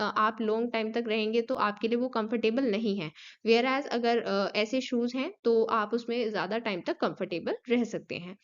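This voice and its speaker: A woman's voice: fairly high pitch, lo-fi sound. A woman with an Indian accent teaching an online class, explaining steadily with frequent fillers and English terms.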